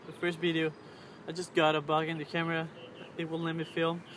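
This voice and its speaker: A man in his twenties chatting casually to camera in a hesitant, halting way, searching for his words. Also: a little high, monotone, fairly bright tone. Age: 20s. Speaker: vlogger. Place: outdoors on a riverbank under a road bridge. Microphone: camera's built-in mic at arm's length. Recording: clear outdoor traffic and ambient noise.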